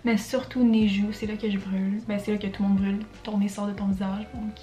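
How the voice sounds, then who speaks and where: A woman's voice: mid-range voice, little pitch movement, brisk, mellow. A young woman with a Quebec French accent chatting casually at home as she gets ready, dropping English slang and swear words. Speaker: beauty vlogger. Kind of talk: casual get-ready-with-me chat. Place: at home in front of a mirror. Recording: roomy echo, faint music.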